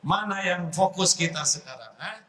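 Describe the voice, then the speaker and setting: A man's voice: high voice, lively intonation, moderate pace, bright, forceful tone. A man preaching a humorous sermon to an audience, acting out little scenes and sighing astagfirullah often. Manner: playful, acts out little scenes, frequent sighs of astagfirullah. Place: large hall before an audience. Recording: echoey hall with faint noise.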